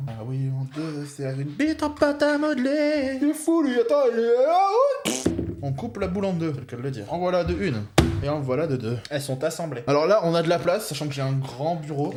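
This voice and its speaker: Lively fast-talking young man streamer. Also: a little high, a little hiss or hum. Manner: joking, slangy, reacting to chat. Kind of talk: casual live-stream chat.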